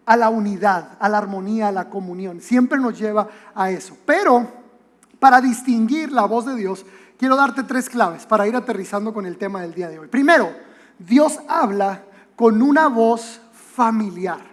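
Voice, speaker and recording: A pastor with a Mexican accent preaches in a church auditorium, keeping it conversational with rhetorical questions and joking asides. His voice is high and his speed normal. The auditorium adds a long hall reverb.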